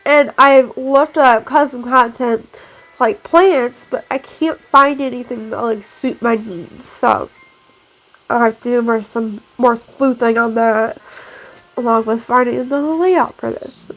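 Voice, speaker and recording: A young woman with a stuffy, nasal cold chats casually about her game build, rambling along with plenty of "like" fillers. Her voice sits on the high side, a bit bright, at a measured pace. The recording is low quality, with faint music in the background.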